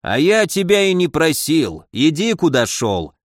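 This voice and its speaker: A man's voice: fairly high pitch, big pitch swings, measured pace, no echo, studio quality. A man voicing a grumpy, stubborn old man who grumbles and snaps at people. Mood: irritated. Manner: grumbling, snapping.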